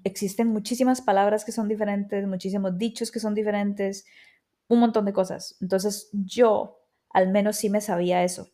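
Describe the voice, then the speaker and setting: A woman's voice: mid-range voice, mellow. A woman, telling her life story in a candid, reflective way on her own show. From Argentina, raised in Costa Rica. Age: 30s. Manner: reflective, candid, with pauses and restarts. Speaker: podcast host. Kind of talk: personal storytelling monologue.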